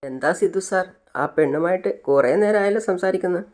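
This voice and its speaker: A woman's voice: lowish voice, a little fast, a little mellow, lightly acted. A narrator retelling a TV serial scene, voicing a jealous, possessive young woman who scolds sharply. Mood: jealous scolding.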